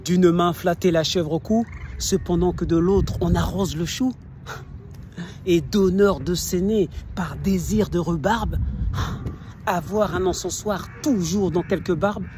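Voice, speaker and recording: A man's voice: high voice, unhurried, a little mellow. A male actor playing a proud, scornful poet-swordsman, declaiming a theatrical verse monologue in a hammy stage manner. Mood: scornful, mocking. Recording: noticeable background noise.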